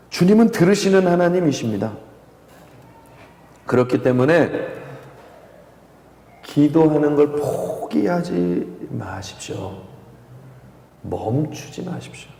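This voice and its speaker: A man's voice: a little high, vocal fry. Impassioned preaching man, echoey hall. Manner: swings from loud impassioned preaching to hushed near-whispers. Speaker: pastor. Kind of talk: sermon. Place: church sanctuary. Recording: echoey church hall with long reverb.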